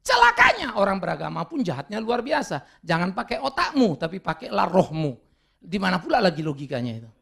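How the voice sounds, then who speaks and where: A male pastor preaching a sermon in an animated way. He slips English words into his talk and acts out the people he quotes. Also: sits high, fairly quick, vocal fry, breathy edge.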